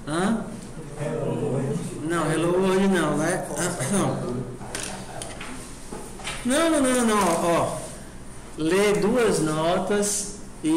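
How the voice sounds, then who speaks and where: A man teaching a programming class in a classroom, talking informally and checking in with the class often. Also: on the high side. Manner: informal, asks the class constant check questions. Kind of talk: classroom lecture. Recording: roomy classroom recording with faint noise.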